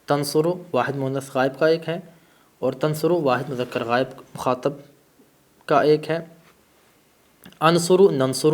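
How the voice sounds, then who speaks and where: A male teacher giving a classroom grammar lesson, asking questions and answering them himself. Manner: stresses terms with rising pitch.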